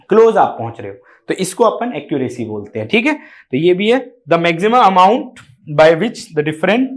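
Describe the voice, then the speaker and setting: High-voiced Hindi-coaching teacher. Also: male voice. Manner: explains step by step, often asks "theek hai" and "hai na"; switches between Hindi and English mid-sentence. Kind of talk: exam-prep lecture.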